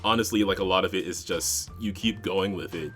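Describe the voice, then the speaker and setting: A man's voice: sits low, brisk, a bit bright, faint music behind. A man co-hosting a podcast, chatting casually about running tabletop games, rambling with lots of fillers and frequent laughs. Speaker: podcast co-host and game master. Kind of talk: casual chat.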